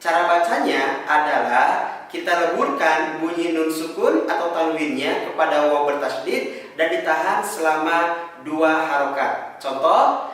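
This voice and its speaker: A high-pitched man with an Indonesian accent gives a reading lesson in a very echoey room. He over-enunciates like a careful teacher, stretching out syllables for demonstration, and sits some way from the microphone. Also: unhurried, fairly bright tone, recorded from a distance. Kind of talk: instructional lesson with chanted examples.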